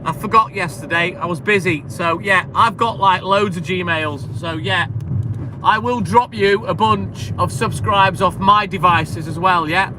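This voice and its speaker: A man's voice: high voice, measured pace, noisy background. A man chatting casually and upbeat on a live stream, slangy and laughing often.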